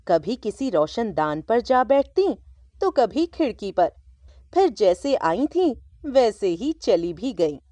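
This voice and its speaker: A woman narrating a children's story for a school textbook, reading slowly and expressively. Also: fairly high pitch, mellow, no room sound.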